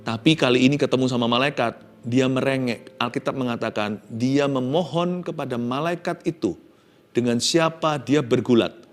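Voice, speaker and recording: A man preaching a sermon as a pastor, swinging between loud emphatic lines and hushed, tearful acted pleas, with English phrases mixed in. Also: mid-range voice, normal speed, faint music behind. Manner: dramatic preaching, acting out Jacob's pleas in hushed tones.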